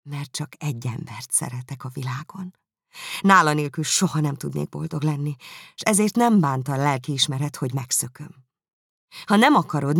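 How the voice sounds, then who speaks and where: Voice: medium pitch, vocal fry, a bit bright, no echo, clean studio sound. A narrator reading out a letter as Lydia, a giddy, careless young woman, in a playful breezy way.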